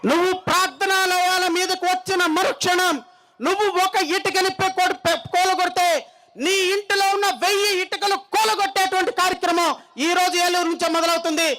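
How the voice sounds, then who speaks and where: A rally speaker with an Andhra Telugu accent talks briskly in a very high, pushed, bright voice with a level tone. His fiery political speech turns combative and threatening as he hammers phrases home by repeating them. The audio is poor.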